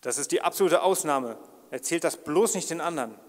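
An actor playing a gruff but soft-hearted male centaur in an audio drama, blunt and teasing. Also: on the high side, animated, fairly quick, long reverb tail, close to an everyday voice. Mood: grumbling.

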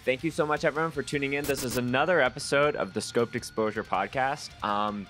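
A man's voice: mid-range voice, a little fast, music in the background. A man hosting a podcast, talking casually with lots of ums and likes. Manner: relaxed, filler-heavy talk with frequent "like" and "um". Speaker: podcast host. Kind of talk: casual interview chat.

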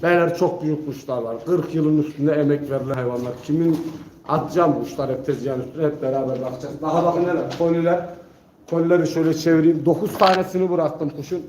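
A man's voice: a little high, fairly even intonation, fast, darkish tone. A man talks like an auctioneer hosting a live pigeon sale, urging viewers to look. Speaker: pigeon auction host, seller. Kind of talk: live-stream sales patter to viewers. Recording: echoey room with faint noise.

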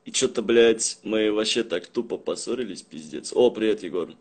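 A young man chatting casually on a livestream in rough, swear-heavy street slang, rambling and halting as he goes. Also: fairly low pitch. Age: young adult. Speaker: live streamer. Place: small indoor room at home. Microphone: phone at arm's length.

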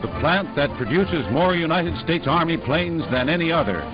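Declamatory old newsreel narrator. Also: male voice, on the high side, expressive, normal speed. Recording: muffled vintage newsreel soundtrack with music.

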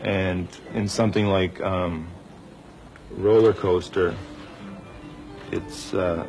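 A man's voice: low-pitched, fairly even intonation, takes it slowly, a little mellow. A man speaking as an animation layout artist, explaining his work in a documentary interview. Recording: noticeable background noise.

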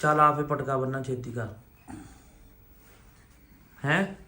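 A man's voice: medium pitch, steady tone, measured pace, pushed and bright. A man with a Punjabi accent, filming a casual home vlog and coaxing and reassuring a small child. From Punjab, India. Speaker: family vlogger. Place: indoors at home. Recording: echoey room, faint background hum.

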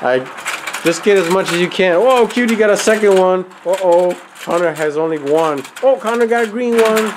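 Off camera in her home dining room, a woman in her thirties who runs a family toy channel explains a kids' game and cheers the children on with teasing, laughing play-by-play. Her medium-pitched voice is upbeat, picked up by the camera mic over background music and some background noise.

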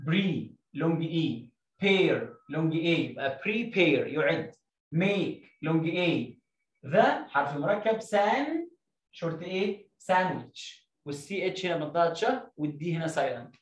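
A high-pitched man with an Egyptian Arabic accent, teaching. He drags out example sentences slowly, rushes through his explanations, and breaks words into syllables. The room around him is echoey. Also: animated. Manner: says example sentences slowly, then explains in quick bursts. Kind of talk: classroom-style explanation.

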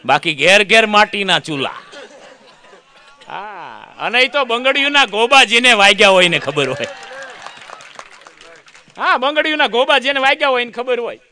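A man's voice: high-pitched, animated, moderate pace, pauses often, pushed and bright. A man doing a comic monologue, telling a chatty story, acting out other people's lines and teasing the audience. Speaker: comedian.

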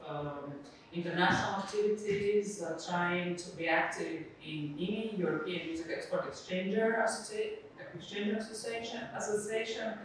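A woman in her forties gives a halting introduction on a conference panel, her voice slightly low. She is heard from a distance in an echoing hall, with faint noise behind her. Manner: halting, filler-heavy. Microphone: handheld mic.

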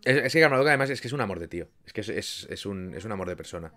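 Chatty Spaniard streaming live. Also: male voice, fairly low pitch, animated, rapid-fire. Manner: chatty, rambling, with frequent restarts and sudden loud bursts. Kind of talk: casual live-stream chat with viewers.

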